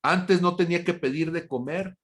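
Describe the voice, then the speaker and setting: A man teaching a Bible study as a pastor, speaking deliberately, asking rhetorical questions and briefly acting out imagined exchanges in a raised voice. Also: a little high, fairly bright tone. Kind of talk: sermon.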